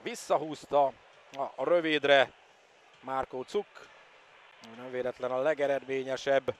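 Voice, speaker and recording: A man giving excitable live water polo commentary, openly behind the home side. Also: medium pitch. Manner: excitable, partisan home-side commentary, swelling at attacks and goals. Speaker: sports commentator.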